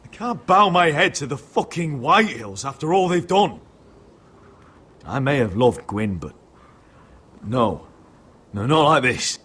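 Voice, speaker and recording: Young noble fighter in a fantasy game, intense n earnest, very expressive pitch. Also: male voice, a little slow, long pauses, husky, full character voice. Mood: anguished refusal. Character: defiant young nobleman warrior, grieving yet resolute. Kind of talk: dramatic video game acting.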